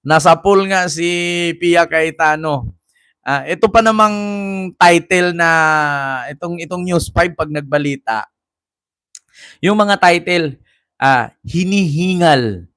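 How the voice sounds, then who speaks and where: A man's voice: on the high side, takes it slowly, pauses often, a bit bright, dry recording, studio quality. A man giving mocking, laugh-filled commentary over clips and reading viewer comments aloud. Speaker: commentary vlogger.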